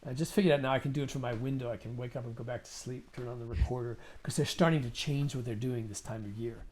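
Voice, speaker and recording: A man of medium pitch, speaking as an interview guest. He thinks aloud, circles back and repeats words as he looks for ideas. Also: steady tone, fast, crowd noise. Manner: thoughtful, rambling, repeats words while thinking. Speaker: musician and guest. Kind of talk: conversational interview.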